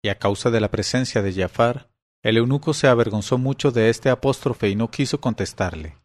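A man narrating an audiobook of classic tales at a middle pitch. His delivery is even and clear, the steady pace of a storyteller reading a long book aloud. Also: a little fast.

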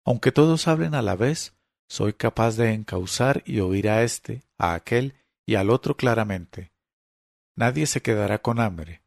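A man as an earnest, soft-spoken father. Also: fairly low pitch, lively intonation, creaky, dry recording, studio quality. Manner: slow, measured pleading. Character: calm, earnest father making his case.

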